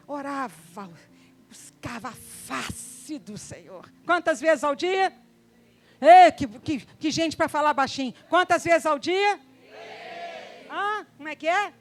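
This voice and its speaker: A woman pastor with a Brazilian Portuguese accent, preaching a lively sermon and calling on the congregation to answer. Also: high-pitched. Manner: animated, calls the congregation to answer back.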